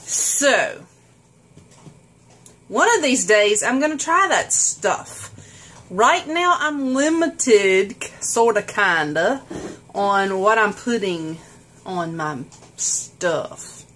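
Lady vlogging on her phone, drawls slow, laughs a lot, says y'all. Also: medium pitch, animated, fairly bright tone, a little hiss or hum. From southern United States. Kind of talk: casual chat to camera. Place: in a car, then at home indoors. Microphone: phone camera at arm's length.

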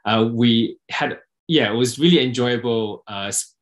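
A man, a software co-founder, talking casually and hesitantly in an interview with many fillers. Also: mid-range voice, a little slow.

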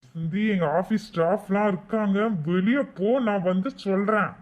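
A man's voice: very high-pitched, lively intonation, brisk, noisy background. A man playing an exasperated husband who scolds his wife impatiently in a comedy skit. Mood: scolding. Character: exasperated husband, stern and embarrassed. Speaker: comic actor in a skit.

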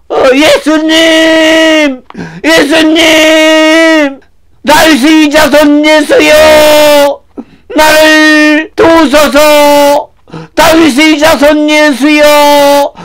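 A man voicing a poor, eager blind beggar in a children's puppet show, crying out in a strained voice. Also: slight background noise. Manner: cries out desperately, voice strained high.

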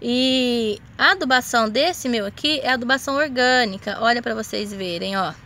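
Brazilian woman, warm home-vlog chatter, a bit high with some fry, phone mic. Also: moderate pace, a little hiss or hum. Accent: Brazilian Portuguese. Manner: chatty, affectionate, lots of diminutives and "né?". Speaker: orchid grower vlogger. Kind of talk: casual show-and-tell vlog. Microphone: phone camera held close.

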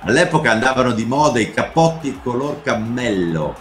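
A middle-aged man from Italy chatting casually and commenting on football highlights in an animated, repetitive way over a video call. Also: moderate pace, faint music behind. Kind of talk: casual chat and informal match commentary. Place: home room, video call. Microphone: computer microphone on a video call.

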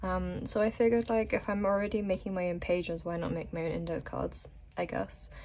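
A woman's voice: fairly low pitch, level tone, moderate pace, darkish tone. A woman vlogger chatting casually to camera while sick and a bit weak, rambling with many ums and little laughs.

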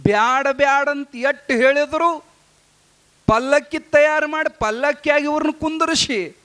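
A man telling a devotional story in a sermon, in lively local dialect. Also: very high-pitched, a little slow. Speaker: preacher.

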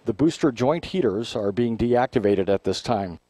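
A man giving formal, measured launch countdown commentary in a technical announcer's manner. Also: mid-range voice, lively intonation, mellow, dry recording.

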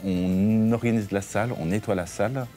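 A man in his forties, a restaurant owner, talking in an interview in a relaxed, chatty way, with fillers and restarts. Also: fairly low pitch, moderate pace. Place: his restaurant dining room.

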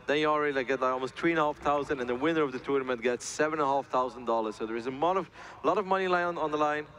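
Guy casting a live esports match, talks really quick, chatty and upbeat, voice sits mid-range. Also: medium pitch, fairly bright tone. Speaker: esports caster. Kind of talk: live game commentary.

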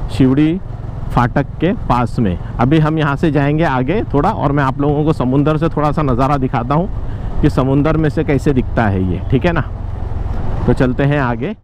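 A man narrates casually from a moving motorbike, pointing things out as he rides and asking viewers whether they follow. His voice sits at an ordinary pitch. Faint street traffic hums underneath. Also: moderate pace, a little mellow. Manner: chatty, explains as he goes, keeps asking "theek hai na". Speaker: motovlogger. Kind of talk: casual ride commentary. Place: outdoors on a motorbike by city roadworks.

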